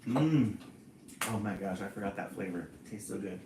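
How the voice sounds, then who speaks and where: Hosting a casual livestream, a man in his forties chats, reads comments from viewers aloud, and laughs often. His lowish voice is expressive and mellow at a normal speed, and the audio carries a roomy echo with a little hiss or hum.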